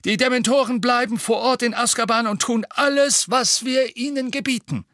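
A man's voice: extremely high pitch, normal speed, bright, forceful tone, no echo, studio quality, voice pushed up. A man voicing a pompous, blustering middle-aged minister who talks haughtily and barks his lines in an audiobook reading. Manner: haughty, barking, icy.

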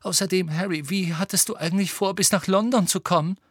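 A man voicing an earnest teenage witch girl who sounds flat and despondent. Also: sits high, a little fast, no echo, studio quality, voice pushed up.

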